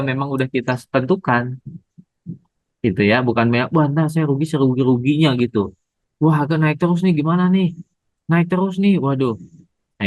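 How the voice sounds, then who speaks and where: Pria pengajar trading yang sabar. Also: male voice, mid-range voice, fairly bright tone, no echo, low-quality recording. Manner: patient, addresses audience as Bapak Ibu. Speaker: trading instructor. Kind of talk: live online trading lesson.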